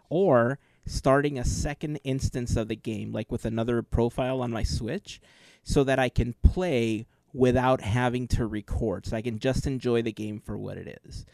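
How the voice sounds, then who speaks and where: A man's voice: medium pitch, vocal fry, a little mellow, no room sound. A man co-hosting a casual podcast chat, explaining his gaming experience earnestly and at length. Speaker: podcast co-host and gameplay video creator.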